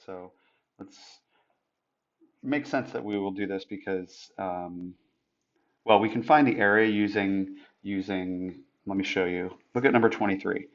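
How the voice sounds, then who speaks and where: Low-voiced man thinking aloud through math. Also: dull audio. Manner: halting, thinks aloud with many restarts and fillers. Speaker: math teacher. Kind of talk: whiteboard screencast lesson. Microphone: tablet microphone.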